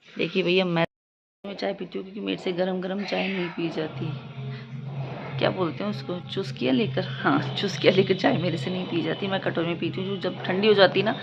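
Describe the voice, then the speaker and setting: A woman's voice: fairly low pitch, background noise. A woman vlogging at home in a chatty, rambling, self-mocking way, talking to a handheld phone camera. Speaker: family vlogger. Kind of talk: casual home vlog chat. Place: family home indoors. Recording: slightly muffled phone audio.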